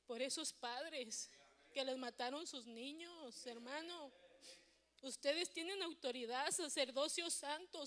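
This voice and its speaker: High bright fervent woman preaching in church. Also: long reverb tail. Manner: fervent, pleading, emotional. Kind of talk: impassioned sermon and prayer. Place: church hall.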